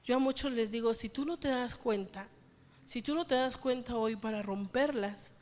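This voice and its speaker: A woman's voice: a little high, normal speed, a little mellow. Woman pastor preaching in a reverberant church. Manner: preaching with rhetorical questions to the congregation. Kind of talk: sermon. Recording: long church hall reverb.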